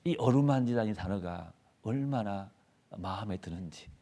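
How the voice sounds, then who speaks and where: A man preaching a sermon as pastor, rising to loud rebuking quotes and then dropping soft and gentle. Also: lowish voice, expressive, normal speed. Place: church sanctuary.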